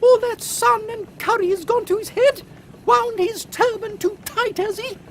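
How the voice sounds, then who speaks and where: A woman's voice: extremely high pitch, a little slow. A woman playing an imperious, eccentric elderly British queen with an upper-class accent in a comic audio drama, pompous and exclamatory. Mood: indignant. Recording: faint background noise.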